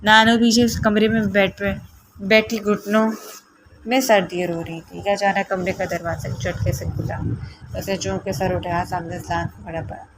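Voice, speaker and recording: A woman reading a romance novel aloud in steady, scripted narration. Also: mid-range voice, noisy background.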